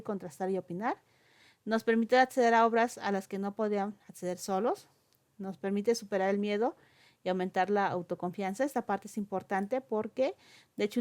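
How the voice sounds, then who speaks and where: A woman's voice: medium pitch, a little mellow. A woman lecturing on oral communication, explaining step by step with frequent fillers and checking questions. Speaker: teacher.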